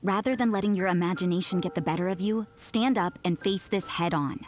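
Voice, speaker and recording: A woman's voice: lowish voice, a little fast, darkish tone, close to an everyday voice. A woman voicing an aloof, curt adult nun in a game cutscene, with a dry delivery. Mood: cool. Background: game music.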